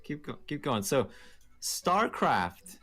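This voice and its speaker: Low-voiced guy hosting a gaming stream, teasing and hyping stuff up. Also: normal speed, a bit bright, faint music behind. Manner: playful, hyping up news. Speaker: podcast host. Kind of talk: casual chat on a live stream.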